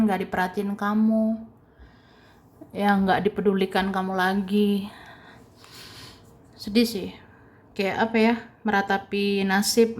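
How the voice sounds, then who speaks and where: A woman giving a chatty, casual tarot reading, repeating points and laughing lightly between them. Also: mid-range voice. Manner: chatty, repeats herself, ends phrases with soft tag words. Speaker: tarot reader.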